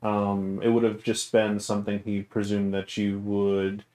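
A man's voice: fairly low pitch, completely flat delivery, unhurried, mellow. A man narrating as game master of a tabletop game, hesitant and full of fillers, sometimes joking. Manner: hesitant, many fillers, jokey. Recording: roomy echo.

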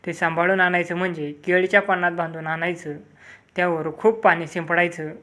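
An exasperated village mother from a storybook tale, as a storyteller puts her on. She scolds her foolish son with weary impatience, at a middling pitch. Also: little pitch movement, fairly quick, sharp tone, lightly acted. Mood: scolding.

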